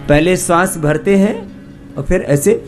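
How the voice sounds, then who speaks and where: A man with an Indian accent leading a yoga class, chanting mantras slowly and correcting the students' pronunciation. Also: high voice, over music. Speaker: yoga teacher.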